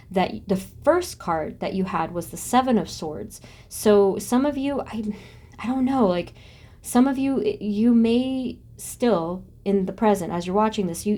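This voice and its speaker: Reading tarot cards for her viewers in a pick-a-card format, this medium-pitched woman talks softly and haltingly, pausing often and restarting with plenty of ums. Her voice turns hoarse and quiet for a moment.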